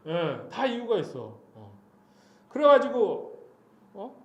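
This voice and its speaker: A man giving a guest sermon as a missionary, telling the story in a lively way and acting out the voices in it. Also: high voice, slow pace, reverberant. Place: church.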